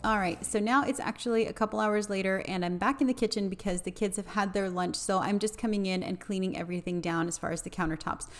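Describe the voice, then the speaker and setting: A woman's voice: mid-range voice, steady tone, quick pace, hardly any pauses, soft background music. A woman in her thirties, a home vlogger, explaining her cleaning routine in a plain, matter-of-fact voice-over. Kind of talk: voice-over narration.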